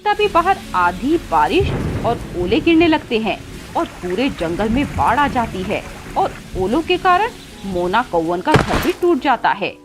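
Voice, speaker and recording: A woman tells a children's cartoon fable in a scripted, expressive way. Her voice is high and lively, rising and falling as she goes, with faint music under it. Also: measured pace. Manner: expressive storytelling. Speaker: storyteller.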